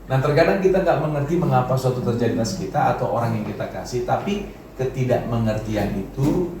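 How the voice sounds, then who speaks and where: A man preaches in a large church, talking to the congregation like a chat, with speech and a mellow, warm tone. He often leaps higher for emphasis. He sounds far from the mic, and long echoes from the hall wash over him along with faint noise. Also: expressive, brisk. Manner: conversational preaching with dramatic pitch swings. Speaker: pastor. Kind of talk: sermon.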